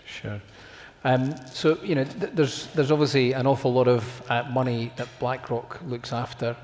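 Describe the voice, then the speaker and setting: Broad Scottish man, even-toned, in echoey hall. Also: medium pitch, moderate pace. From Scotland. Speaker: guest investor, fund manager. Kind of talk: on-stage interview. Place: conference hall with microphone. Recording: echoey hall, background noise.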